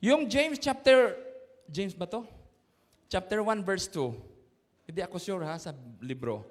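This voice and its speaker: A man's voice: high-pitched, expressive, a little slow. A man with a Filipino accent giving a sermon in church, telling a funny story, acting out voices and laughing along with it. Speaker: pastor. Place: church sanctuary. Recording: long church reverb.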